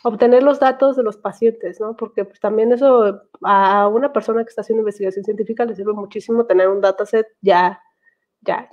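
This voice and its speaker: A young Mexican-accented woman speaking through a headset on a thin, tinny video call. Her voice sits fairly high, and she talks in quick, chatty bursts with easy laughter. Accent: Mexican Spanish. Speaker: guest speaker. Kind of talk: casual online talk. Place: small room at home.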